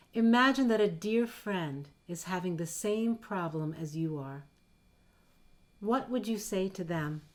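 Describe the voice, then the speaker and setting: A woman leading a gentle guided meditation in a worship service, speaking softly and slowly. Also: medium pitch. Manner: slow, gentle and soft-spoken. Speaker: worship leader.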